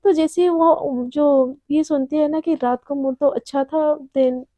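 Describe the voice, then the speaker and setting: A woman's voice: high voice, steady tone, unhurried, mellow, no echo. A woman narrating a love story in a chatty, casual storytelling way. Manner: chatty, filler-laden retelling.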